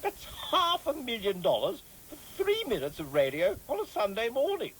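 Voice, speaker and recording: Prim government inspector. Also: male voice, very high-pitched, wildly swooping pitch, normal speed, fairly bright tone, slightly rough, heavily acted. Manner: pompous, prying, sing-song emphasis. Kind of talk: radio comedy sketch.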